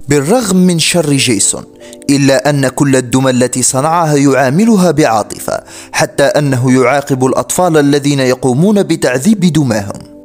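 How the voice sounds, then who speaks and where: A man's voice: medium pitch, brisk, a little mellow. A man reading a scripted horror story as its narrator. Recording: faint music behind the voice. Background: music.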